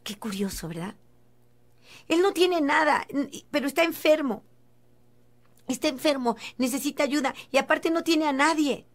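Lady radio host, earnest and gentle, kinda preachy, higher voice. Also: normal speed. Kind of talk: storytelling on a radio talk show.

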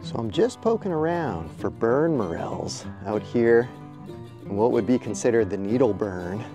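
A man hosting a forest foraging vlog, narrating his walk outdoors with relaxed, enthusiastic show-and-tell. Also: medium pitch, measured pace, over music. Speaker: foraging vlogger.

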